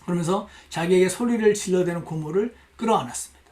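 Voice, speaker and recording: 여성 양육반에서 성경을 가르치는 남자 목사로, 질문을 던지고 인용된 말을 연기하듯 들려준다. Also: male voice, high-pitched, fast. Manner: animated, rhetorical questions, acts out quoted lines. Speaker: pastor teaching a women's Bible class. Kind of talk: Bible class teaching. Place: church classroom.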